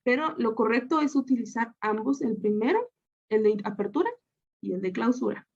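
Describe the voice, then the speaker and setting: A woman's voice: fairly high pitch, animated, moderate pace, a little mellow. A woman from Guatemala, a student teacher, talking through a lesson over slides in an explanatory way, with frequent fillers and restarts. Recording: slightly dull, lo-fi audio.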